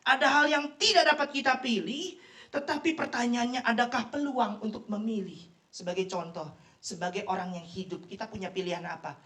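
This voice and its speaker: A woman preaching a sermon, animated and emphatic, with joking asides. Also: on the high side, fairly quick. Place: office worship room. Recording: echoey room, mic far off.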